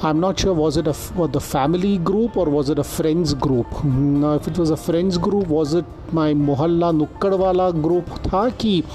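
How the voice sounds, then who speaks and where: A man's voice: on the high side, dark tone. A man from South India with an Indian accent, hosting a humorous, rambling podcast and slipping Hindi phrases into his English in a mock-earnest way. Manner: tongue-in-cheek, mock-earnest. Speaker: podcast host.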